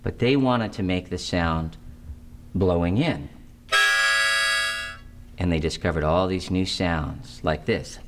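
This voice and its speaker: A man telling stories in an interview, halting and restarting often with many fillers. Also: low-pitched, loud music behind the voice. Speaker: harmonica player and singer interviewed. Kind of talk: interview storytelling.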